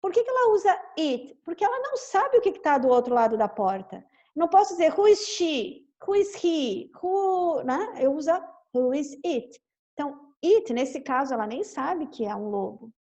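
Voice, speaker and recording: A woman's voice: high voice, big pitch swings, a little fast, a little mellow, highs cut off. A woman from Brazil, explaining an English story line by line in a patient, repetitive teaching manner. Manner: patient, explanatory, repeats phrases. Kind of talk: bilingual story-reading lesson.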